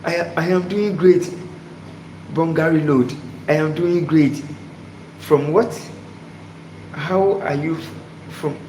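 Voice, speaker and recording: A man's voice: fairly high pitch, slow, long pauses. A man from Ghana hosting a casual sports live stream, greeting viewers by name and asking them questions. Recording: echoey room with loud background noise.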